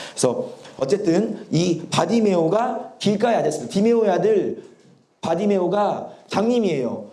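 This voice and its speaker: A man's voice: a little high, mellow. A male pastor preaching a sermon in a church, explaining and telling the story animatedly, with a sore throat. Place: church sanctuary. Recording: echoey church hall.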